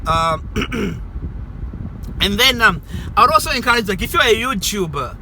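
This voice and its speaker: A man's voice: high voice, animated, measured pace, pushed and bright, slight background noise. A man from Zambia, giving casual advice in a rambling way and repeating words for emphasis.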